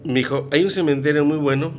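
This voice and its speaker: A man with a Mexican accent, a podcast guest, telling stories in an excitable, rambling way. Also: on the high side, fast talker, over music. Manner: excitable, rambling, restarts sentences. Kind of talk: casual chat.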